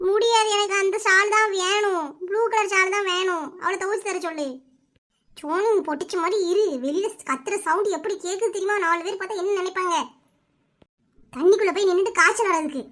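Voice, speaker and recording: A woman voicing a shrill scolding village mother. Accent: Kanyakumari Tamil. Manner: sharp, fast scolding. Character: scolding village mother of two grown daughters. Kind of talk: cartoon voice acting.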